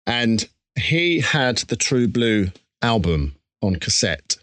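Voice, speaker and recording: A man's voice: mid-range voice, sing-song, slow pace, a bit bright, no room sound. A man with an Essex accent, talking candidly and reflectively in a casual interview, with a self-deprecating, conversational way about him. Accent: Essex English. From Essex, England. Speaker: interview guest, musician.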